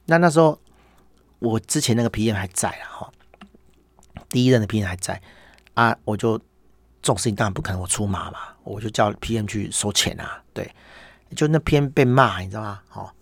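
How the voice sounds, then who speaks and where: A man's voice: on the low side, animated, fairly quick, pauses often, dry recording. A man with a Taiwanese Mandarin accent chatting casually as a podcast host, telling stories in a wry, exasperated way and tagging his sentences with "hor". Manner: chatty, peppers speech with "hor" tags. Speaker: podcast host, business owner. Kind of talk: casual monologue.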